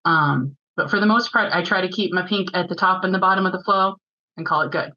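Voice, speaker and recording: A woman presenting to a user group, rattling off her points quickly and casually with plenty of filler words. Her voice sits fairly low for a woman. The sound is dull and lo-fi, like online meeting audio. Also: pushed and bright. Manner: fast-talking, chatty with filler words. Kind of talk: technical presentation.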